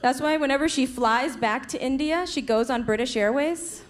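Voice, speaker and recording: A woman from the United States doing a stand-up set on a club stage, with punchy delivery and quick switches into parent voices. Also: high voice. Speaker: stand-up comedian. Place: comedy club stage with audience laughing. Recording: live club recording with crowd noise.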